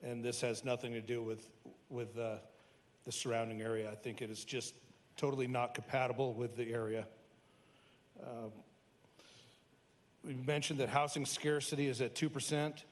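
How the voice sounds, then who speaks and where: A man, a local resident, giving public comment at a meeting in an earnest, measured way with frequent restarts. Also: mid-range voice, little pitch movement.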